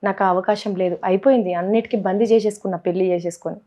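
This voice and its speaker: A woman's voice: mid-range voice, fairly even intonation, fast, noisy background. A young woman with a Telangana Telugu accent, chatting playfully in a casual vlog and mixing in English words. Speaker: vlogger. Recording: dull lo-fi sound.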